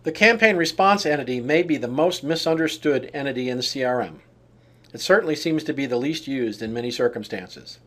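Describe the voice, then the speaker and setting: A slightly high-voiced man, a software trainer, delivers scripted instructional narration in a measured, explanatory way, setting out lists one item at a time.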